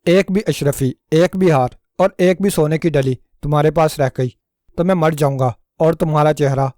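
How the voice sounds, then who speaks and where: A man's voice: a little high, darkish tone, no room sound, studio quality, close to an everyday voice. A man voicing a sly trickster hero. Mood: sly pleading. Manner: pleading, theatrical self-pity. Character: cunning scheming male trickster, melodramatic.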